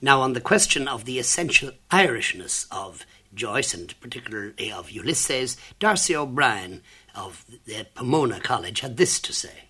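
A man's voice: mid-range voice, expressive, normal speed, pushed and bright, breathy edge. A man working as an interviewer and presenter in a literary interview, posing questions and linking remarks.

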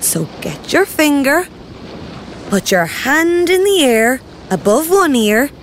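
A woman's voice: high-pitched, sing-song, slow pace, slight background noise. A woman presenting an interactive story for young children, encouraging and speaking straight to the child.

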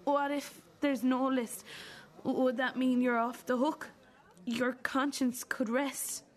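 A woman acting as a wounded, bitter adult daughter in a drama, accusing her mother in a halting, deliberate way. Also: high voice, flat delivery. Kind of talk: dramatic two-hander dialogue.

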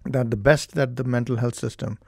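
A man with an Indian accent explains his work slowly and carefully, with frequent pauses. His voice is gravelly and mellow, recorded dry and close in a studio. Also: medium pitch, steady tone, dry recording. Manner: measured, explanatory, with hesitations. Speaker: doctor and therapist. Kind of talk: studio interview.

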